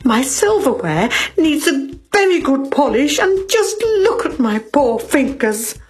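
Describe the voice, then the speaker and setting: Woman playing a high, lively-voiced posh snob, slow and dramatic, music faint behind. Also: full character voice. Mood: indignant. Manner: haughty, dramatic, drawn-out complaints. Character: posh snobbish rich lady, fussy and self-pitying. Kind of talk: children's comedy sketch acting.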